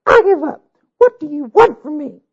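A man voicing a shrill, frantic young bride who screeches and pleads in a storybook reading. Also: animated, moderate pace. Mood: wailing. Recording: dull lo-fi recording.

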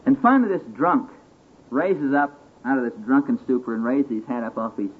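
A man giving a folksy, conversational sermon to a group, full of stories and questions to his listeners, at times rising to booming motivational calls. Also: lively intonation, normal speed, breathy edge. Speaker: preacher at a church retreat session. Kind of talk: sermon, conversational teaching with storytelling. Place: live talk to a seated group. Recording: tinny band-limited old recording with hiss.

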